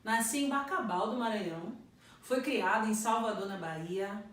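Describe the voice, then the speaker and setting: A woman's voice: medium pitch, normal speed. A woman in her thirties from Northeast Brazil, giving an earnest, reflective personal testimonial about her career in computing. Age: 30s. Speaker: computer science graduate. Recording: echoey room, distant mic.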